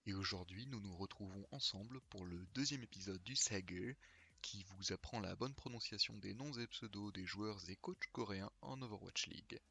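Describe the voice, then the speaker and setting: A man hosting a pronunciation video, slowly repeating each name with care in a scripted teaching monologue. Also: fairly low pitch, gravelly, bright, forceful tone, breathy edge. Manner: slow, careful repetition of names.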